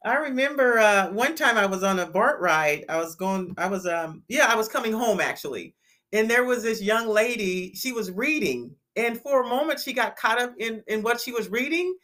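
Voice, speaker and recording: Bright-voiced chatty woman host. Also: a little high, lively intonation, moderate pace. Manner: chatty, repeats and restarts words. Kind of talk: casual chat.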